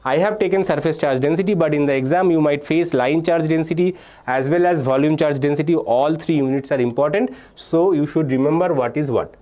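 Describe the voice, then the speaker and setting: In a high, mellow voice and at a brisk clip, a young man from India teaches physics exam prep in a live online class. He goes through things step by step, reads student names and chat answers, and repeats the key points with "uh"s and "okay"s.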